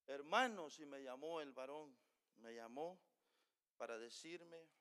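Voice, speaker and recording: A middle-aged male pastor preaching a sermon, telling a personal story with emotion, dropping quiet and then rising loud. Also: fairly high pitch, slow, clean tone.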